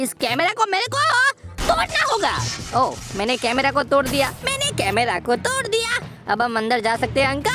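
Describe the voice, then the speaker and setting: Casting: woman as a cocky cartoon boy, high lively voice, taunting, music bed behind. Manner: boastful, teasing and taunting, shouting often. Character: excitable boy cartoon hero, brash and boastful. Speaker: gameplay commentator. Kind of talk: playful gameplay commentary in character.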